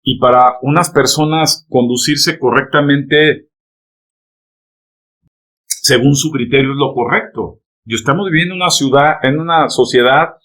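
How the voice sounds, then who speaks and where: A male pastor with a mid-range, slightly bright voice preaches unhurriedly and emphatically, addressing the congregation directly. Rhetorical "¿verdad?" and "¿amén?" checks pepper his sermon, and he asks listeners to turn toward one another.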